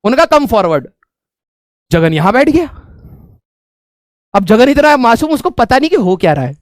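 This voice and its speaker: A man, his voice pitched very high, tells a comic classroom story in an animated way and laughs often. The sound is dry and close, with no room echo. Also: fairly quick. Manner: animated, laughs often, repeats "theek hai" as a filler. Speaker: teacher telling a story to students.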